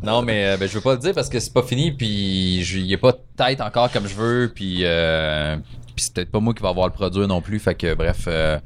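A man's voice: low voice, normal speed, a little hiss or hum. A man, chatting casually and rambling while hedging. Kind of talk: casual chat.

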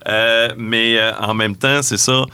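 A man's voice: medium pitch, steady tone, takes it slowly, pushed and bright, clear, resonant tone, no echo. A man, hosting a casual interview with many hesitations and light jokes. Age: 40s. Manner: hesitant, filler-heavy, joking.

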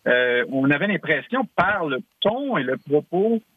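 A man's voice: on the high side, sing-song, a little slow, no room sound. A man with a Québécois French accent, a political analyst guest on a radio show, speaking hesitantly with many fillers. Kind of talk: radio talk show conversation. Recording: husky voice over a tinny phone line.

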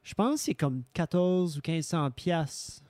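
A man's voice: fairly high pitch, animated, unhurried, darkish tone, no echo. A man co-hosting a casual podcast chat, speaking full of English words. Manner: chatty, mixes English into French. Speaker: podcast co-host.

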